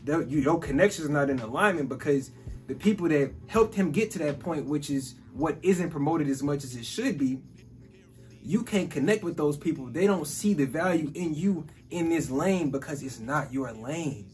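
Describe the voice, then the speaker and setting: A man's voice: fairly high pitch, expressive, normal speed, a little mellow, soft background music. A man in his twenties from Chicago, hosting a casual chat about business and money, easygoing and saying "bro" and "like" constantly. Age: 20s. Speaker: podcast host.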